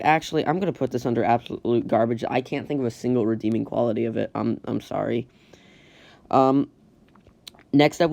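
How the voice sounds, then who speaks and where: A man hosts a casual ranking video on a rough, amateur phone microphone. He talks in a rambling, halting way and often backs up to rephrase. His pitch sits in an ordinary middle range for a man. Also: dark tone. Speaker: host. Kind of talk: casual tier list commentary. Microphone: phone's built-in microphone.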